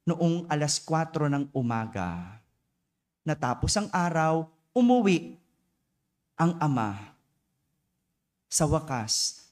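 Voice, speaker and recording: A male priest preaching a homily at a dawn mass in a church. His voice sits high for a man and he talks unhurriedly, telling a story step by step and pausing to ask the congregation to agree. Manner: storytelling, checks in with the congregation with a tag question.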